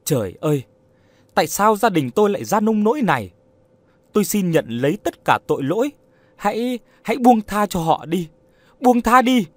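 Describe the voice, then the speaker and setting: Guy putting on a broken old man, sobbing, guilty, voice swings low to loud. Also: very animated, normal speed, dry recording. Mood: anguished. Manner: quiet, sobbing, breaking into anguished cries. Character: grieving guilt-ridden old man Khả.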